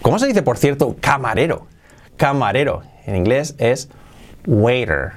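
A man's voice: medium pitch, expressive, a little slow. A man with a Spain Spanish accent giving a casual English lesson, repeating each word and switching between Spanish and English. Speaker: English teacher.

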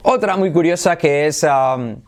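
Slow-talking man drilling English sounds. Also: fairly high pitch. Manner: patient drilling, repeating sounds for learners; chuckles at his own slips. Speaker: English pronunciation teacher. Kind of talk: pronunciation lesson.

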